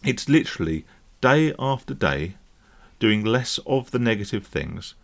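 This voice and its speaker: Unhurried and creaky, this man's fairly low voice is very animated. He rambles conversationally to camera about recovering from gambling, a YouTube vlogger who keeps checking in with viewers using "right?" and "okay?".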